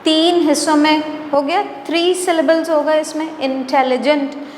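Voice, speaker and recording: A woman teacher with an Indian accent explains a grammar lesson slowly, repeating words and asking rhetorical questions to her class. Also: high voice, flat delivery, a little hiss or hum. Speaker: English teacher. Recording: echoey hall, mic at a distance.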